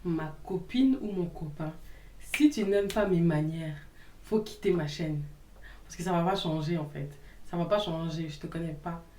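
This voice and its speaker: A woman's voice: fairly low pitch, normal speed, dark tone, recorded from a distance, slight background noise. A young woman talks casually and sassily to her viewers, answering hater comments in an outspoken way. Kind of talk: casual vlog chat. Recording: roomy echo, a little off-mic.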